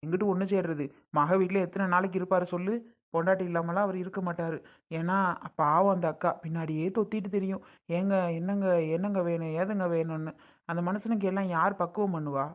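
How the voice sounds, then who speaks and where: A woman's voice: on the low side, fairly even intonation, a little fast, close to an everyday voice. A woman playing a chatty neighbor gossiping about family troubles in a family skit.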